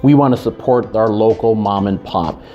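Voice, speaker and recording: A man's voice: lowish voice, normal speed. A man from Chicago, a real estate agent, talking earnestly to camera and often restarting his sentences. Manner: earnest, with frequent restarts and repeated words. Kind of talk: casual to-camera talk. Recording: slightly dull lo-fi sound with faint music.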